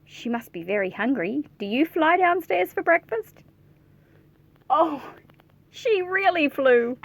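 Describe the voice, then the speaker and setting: A woman reads a children's picture book aloud, expressive and playful, talking straight to her young listeners with chatty asides. Her voice is high and slow, and the recording is dry.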